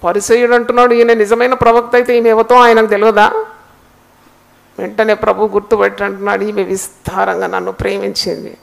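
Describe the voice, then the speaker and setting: A woman with a Telugu accent preaching a sermon, urging her congregation with rhetorical questions and swinging between loud exhortation and hushed low passages. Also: little pitch movement, fast, vocal fry.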